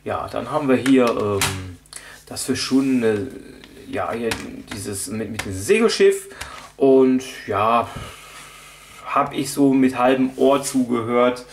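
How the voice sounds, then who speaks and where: This man's mid-range voice takes things slowly as he rambles through a show-and-tell vlog about his audio drama collection. He speaks off the cuff and hesitantly, thinking aloud from a table indoors, out of frame. A faint hiss or hum runs underneath.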